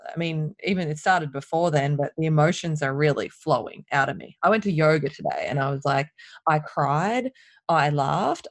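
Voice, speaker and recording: A woman speaking openly and emotionally in a casual conversation, telling her story with lively candour. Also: low voice, no room sound. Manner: open, emotional, animated storytelling.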